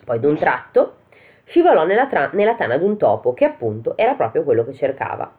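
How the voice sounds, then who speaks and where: A woman with a low voice and lively, swooping intonation reads a fairy tale aloud, stopping often for playful asides. The sound is thin and tinny, like a phone line. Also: fairly quick. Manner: joking, breaks off to comment and laugh. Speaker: storyteller and co-host. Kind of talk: reading a fairy tale aloud with casual banter.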